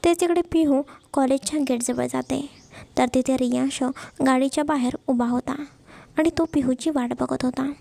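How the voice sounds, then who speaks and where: A woman narrating a romance story in a steady, even-paced reading. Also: sits high, normal speed, vocal fry, no echo.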